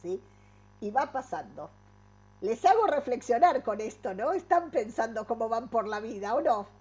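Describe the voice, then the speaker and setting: A woman's voice: on the high side, big pitch swings, normal speed, darkish tone. Middle-aged woman, lo-fi call audio. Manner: peppers points with rhetorical tag questions. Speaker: workshop speaker. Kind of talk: inspirational talk.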